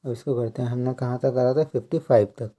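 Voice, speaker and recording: A man giving a slow tutorial, counting out numbers one by one and explaining how each is read. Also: mid-range voice, fairly even intonation, warm tone. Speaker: language teacher.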